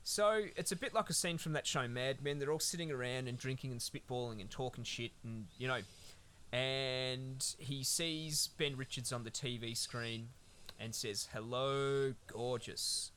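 A man with a bright, forceful voice co-hosts a casual film-review podcast. He rambles through the plot, swearing freely in a laid-back drawl. Faint noise hums underneath. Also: medium pitch, normal speed. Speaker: podcast co-host.

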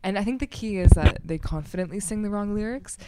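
A woman's voice: mid-range voice, quick pace, very noisy. A woman chatting as a podcast guest, talking in loose, rambling sentences packed with fillers. She laughs often and keeps checking in with her friends as she goes. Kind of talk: casual podcast chat.

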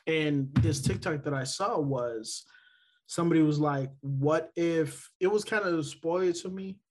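Unhurried and a little mellow, this man's fairly high voice carries a loose, rambling conversation as a podcast co-host. His speech is full of fillers and restarts.

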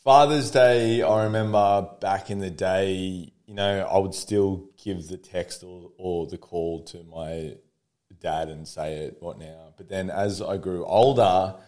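A man in his thirties with an Australian accent, talking candidly as a podcast guest. His voice sits on the lower side, and he tells personal stories in an open, easygoing way, often breaking into a laugh. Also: fairly even intonation, unhurried, a little mellow. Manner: open, storytelling, laughs easily. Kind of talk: casual conversation.

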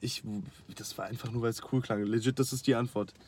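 A man's voice: mid-range voice, fairly even intonation, fast talker, darkish tone, breathy edge. A young man, a battle rapper, chatting as a podcast guest in a slangy, laid-back way. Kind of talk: casual chat.

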